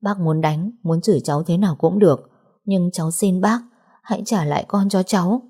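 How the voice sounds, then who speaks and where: A woman's voice: on the low side, normal speed, warm tone, close to an everyday voice. A woman voicing a young mother in a story who pleads through tears. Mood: pleading. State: crying. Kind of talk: audiobook character reading.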